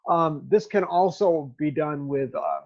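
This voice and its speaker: A man teaching a recorded remote lesson, talking straight to his students in a halting way with many ums. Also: fairly high pitch, lo-fi sound.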